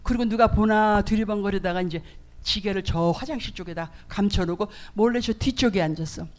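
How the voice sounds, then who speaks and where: A woman's voice: medium pitch, a little fast. Woman pastor telling a vivid sermon story. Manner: animated storytelling, acting out voices.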